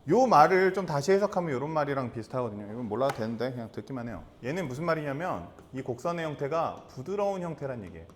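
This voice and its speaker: A man teaching a high school math lesson, repeating key terms and asking the class rhetorical questions. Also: expressive, quick pace, hardly any pauses, a little hiss or hum. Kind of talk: classroom lecture.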